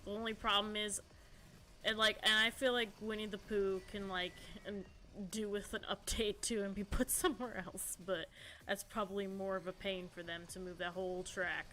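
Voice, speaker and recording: A woman's voice: medium pitch, flat delivery, normal speed, bright, forceful tone, a little hiss or hum. A woman in her thirties chatting casually on a live stream, answering viewers in a rambling, chatty way. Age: 30s. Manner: chatty, rambling, reading chat aloud.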